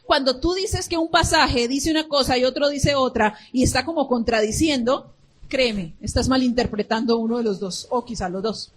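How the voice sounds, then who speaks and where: A middle-aged woman pastor with a Colombian accent preaching a sermon, telling stories and acting out dialogue with lively emphasis. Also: high-pitched, normal speed, slight background noise. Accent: Colombian Spanish. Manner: animated storytelling, quoting dialogue with rising emphasis.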